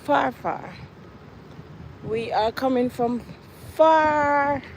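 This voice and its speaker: A woman's voice: on the high side, measured pace. A woman with a Jamaican accent, winded from walking and sighing, chatting casually to livestream viewers outdoors. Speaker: livestream host. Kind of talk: casual live chat with viewers. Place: outdoors on a campus. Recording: noisy outdoor ambience with traffic.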